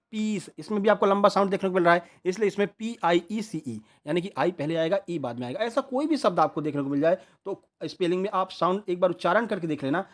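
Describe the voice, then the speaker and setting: A man, teaching an online exam prep lesson, spelling words out letter by letter and checking in with his listeners often. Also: high voice.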